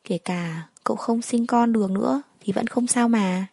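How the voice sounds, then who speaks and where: A woman's voice: fairly high pitch, moderate pace, creaky, warm tone, no echo, clean studio sound. A woman voicing a caring young female friend, tearful and pleading, read as a storybook character.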